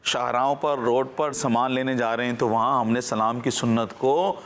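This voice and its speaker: A man's voice: mid-range voice, steady tone, a bit bright. Patient man teaching children. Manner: patient, teacherly, quizzes his listeners. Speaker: children's TV religious presenter. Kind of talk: teaching children, question and answer.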